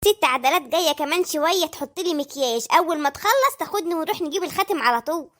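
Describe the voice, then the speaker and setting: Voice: sits high, expressive, rapid-fire, a bit bright. صوت مؤدٍّ لـ زوجة مصرية مدللة بصوت حاد جدًا. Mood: demanding. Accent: Egyptian. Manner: whiny and coaxing. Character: fussy Egyptian housewife, spoiled and demanding.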